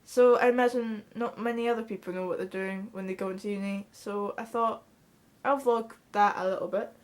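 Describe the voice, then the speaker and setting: Fairly quick and fairly even in intonation, this young Scottish woman's medium-pitched voice carries a casual vlog recorded in a small bedroom. She faces a camera at close range, speaking bluntly and cursing freely.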